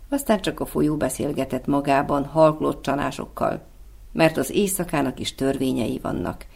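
A man narrating a classic storybook in a slow, lyrical storytelling manner. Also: on the high side, creaky, husky. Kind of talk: audiobook narration of a classic novel.

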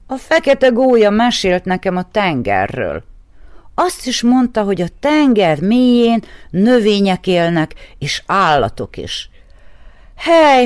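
A woman's voice: medium pitch, sing-song, no echo, studio quality, pitched above the performer's own voice, lightly acted. Storybook raven, grumpy and insistent, voiced by a woman. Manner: curt, insistent.

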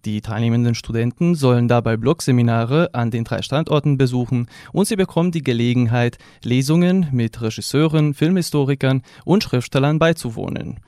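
A man's voice: mid-range voice, fairly quick, few pauses, darkish tone, dry recording, studio quality. Man reading a formal radio report. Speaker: radio presenter. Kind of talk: scripted news report.

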